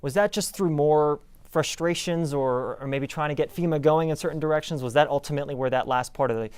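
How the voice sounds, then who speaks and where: A man's voice: fairly high pitch, brisk, darkish tone, clean tone, no room sound. A man conducting a news interview, asking long, informal, roundabout questions in a conversational way. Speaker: interviewer, reporter.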